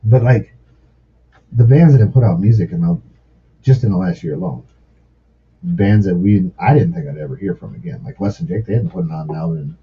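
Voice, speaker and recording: Low-voiced, profane storytelling man. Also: a little fast, breathy edge. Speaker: podcast guest. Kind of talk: casual chat. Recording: muffled lo-fi podcast audio.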